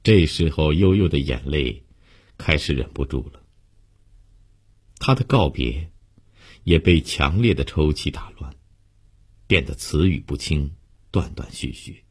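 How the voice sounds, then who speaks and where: Slow low-voiced guy telling a story, really husky and gravelly. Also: expressive, a little mellow. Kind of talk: storytelling narration.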